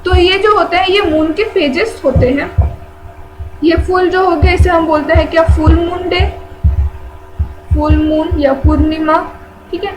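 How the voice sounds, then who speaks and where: High-voiced woman teaching, noisy recording. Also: steady tone, a little slow, pauses often. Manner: repeats key terms, asks and answers her own questions. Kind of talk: explaining a general-knowledge lesson.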